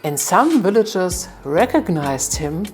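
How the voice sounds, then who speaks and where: With soft music faintly underneath, a woman narrates a folktale as a storyteller, staying calm and measured. Her voice sits low and she never hurries.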